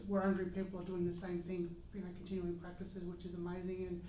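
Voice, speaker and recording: A woman's voice: fairly low pitch, completely flat delivery, quick pace, dark tone, slight background noise. An Australian woman hosting a podcast, upbeat and a bit hesitant, with many fillers as she chats. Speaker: podcast host. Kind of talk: casual conversation. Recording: echoey room, mic at a distance.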